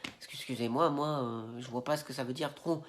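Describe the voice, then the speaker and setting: Speaking to camera for his Instagram channel, a man with a head cold and a stuffy nose launches into a casual opinion rant. His mid-range voice moves fairly quickly through slang, fillers and restarts, always with an indignant edge. A little hiss or hum sits under the recording.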